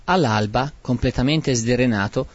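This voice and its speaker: A man narrating a bawdy comic tale in a mock-solemn, lively way, in a dry, dull lo-fi recording. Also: medium pitch, a little slow, dry recording.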